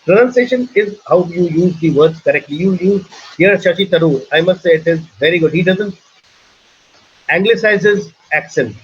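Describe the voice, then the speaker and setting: A man's voice: high voice, moderate pace, a little hiss or hum. A middle-aged man with an Indian accent, hosting a webinar and giving earnest advice, often restarting and repeating his points. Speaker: webinar host and trainer. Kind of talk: casual teaching talk in a webinar. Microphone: video call. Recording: muffled online call audio.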